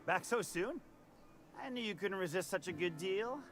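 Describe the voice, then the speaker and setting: A smug winking game merchant. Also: male voice, high voice, lively intonation, normal speed. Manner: smug, says "wink" out loud. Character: smug male merchant, winks a lot. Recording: game audio with music behind.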